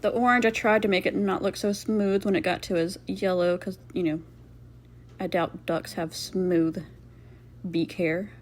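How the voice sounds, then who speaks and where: A woman's voice: lowish voice, steady tone, measured pace, slight background noise. A woman giving casual, rambling craft voice-over commentary as host, playfully sarcastic and self-deprecating.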